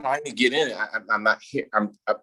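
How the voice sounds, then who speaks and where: Husky guy on a landline phone, far off, stumbles and repeats words. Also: lowish voice, bright, forceful tone. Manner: halting, repeats words, confused by the audio. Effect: over a landline phone, distant. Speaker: senator voting remotely. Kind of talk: remote roll-call vote.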